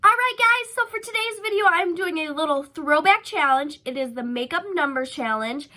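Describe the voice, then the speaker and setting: A young beauty vlogger, sick with a stuffy nose, chats casually through a makeup tutorial with frequent ums and likes. Her high, pushed, bright voice has lively intonation and a moderate pace, and it sounds nasal from the cold. Faint music plays behind her.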